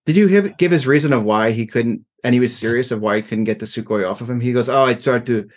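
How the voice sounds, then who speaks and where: A man's voice: mid-range voice, fast, a little mellow. A man co-hosting a podcast, joking and teasing in casual chat.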